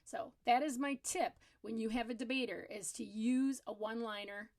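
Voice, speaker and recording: A woman's voice: on the high side, steady tone, normal speed, darkish tone. A middle-aged woman giving parenting tips as the host of her own advice channel, talking casually to the camera in an earnest, explanatory way and repeating words for emphasis.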